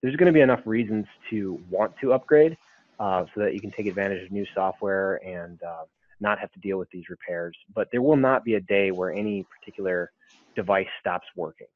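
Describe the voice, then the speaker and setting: A man's voice: deep voice, brisk, no room sound. A man answering audience questions in a webinar, explaining at length with frequent ums and restarts. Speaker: webinar panelist. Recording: phone-like dry line.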